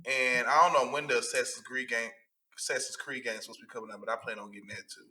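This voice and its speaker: A man's voice: mid-range voice, very fast, sharp tone, far from the mic. A man co-hosting a podcast, laid-back and teasing in casual chat. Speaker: podcast co-host.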